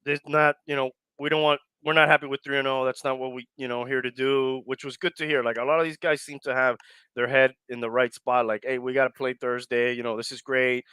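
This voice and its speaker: A man's voice: mid-range voice, flat delivery, brisk, sharp tone, smooth, no echo. A man co-hosting a casual sports podcast, laid-back, swearing casually and saying dude a lot. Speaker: podcast co-host.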